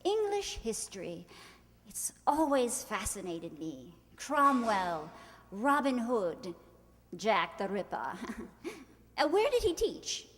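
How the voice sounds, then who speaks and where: Speaking slowly at a medium pitch with huge swings in her voice, the woman performs the sharp-tongued, haughty society bride who plays a gushing hostess. It's a 1940s screwball comedy radio play, acted with grand affectation and an arch, gushing mood, recorded in a reverberant hall.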